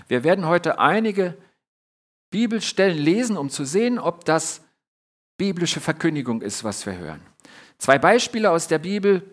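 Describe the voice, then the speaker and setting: A man preaching a sermon, addressing his listeners warmly and retelling Bible scenes with dramatic pauses. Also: fairly high pitch, very animated. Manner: earnest, addresses listeners directly as "ihr Lieben"; retells Bible scenes with quoted lines and dramatic drops in volume.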